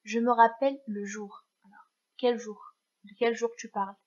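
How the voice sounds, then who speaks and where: A woman's voice: on the high side, level tone, normal speed, a little mellow, highs cut off. A woman teacher giving a grammar lesson, patient and careful, often checking that her students follow. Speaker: French teacher.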